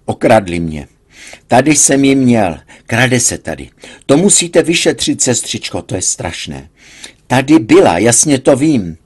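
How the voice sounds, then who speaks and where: A man's voice: mid-range voice, very animated, few pauses, husky, pitched above the performer's own voice. A man voicing an agitated male patient who pleads and complains indignantly. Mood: frantic, indignant. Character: agitated male patient engineer, frantic and whiny.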